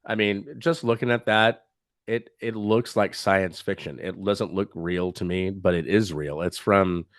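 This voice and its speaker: A man's voice: deep voice, fairly even intonation, unhurried, no echo, clean studio sound. A man co-hosting a podcast, chatting casually and rambling with many fillers while recovering from covid. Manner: rambling, hesitant, lots of fillers. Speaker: podcast co-host. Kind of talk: casual reaction chat.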